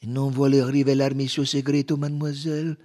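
A man reading aloud and voicing a fussy, clever older detective who speaks softly and persuasively, with sly amusement. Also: high voice, very animated, measured pace, pitched above the performer's own voice, heavily acted. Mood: coaxing.

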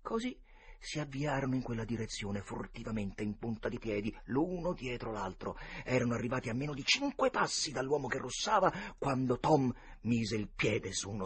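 A man narrating a classic novel as an audiobook with a dramatic, varied delivery. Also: medium pitch. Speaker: audiobook reader. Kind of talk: expressive storybook narration.

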